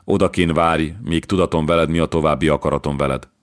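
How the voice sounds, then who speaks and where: A man voicing an impatient, stern older king who speaks in sharp, commanding rebukes. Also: rumbling low, steady tone.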